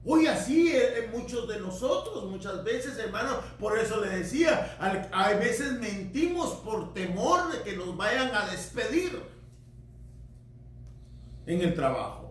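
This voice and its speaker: High-voiced man preaching in echoey hall. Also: measured pace, a little hiss or hum. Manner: addresses listeners as brother, animated. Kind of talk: sermon. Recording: very echoey hall, voice from far off, faint background.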